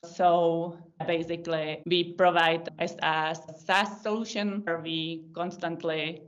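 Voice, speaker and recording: A woman's voice: lowish voice, flat delivery, slow. A woman in her thirties with a Czech accent, a podcast guest explaining her work in long, thoughtful lists with small restarts. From Czech Republic. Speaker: podcast guest, data science team lead. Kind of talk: casual interview answers. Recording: lo-fi video call audio.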